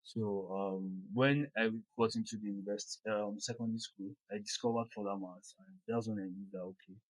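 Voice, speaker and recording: A man's voice: lowish voice, fairly even intonation, a little fast, no echo, rough recording. A young Nigerian man with a Nigerian accent, talking as an interview guest in a hesitant way, full of ums and restarts. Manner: hesitant, many ums and repeated words. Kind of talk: casual interview chat.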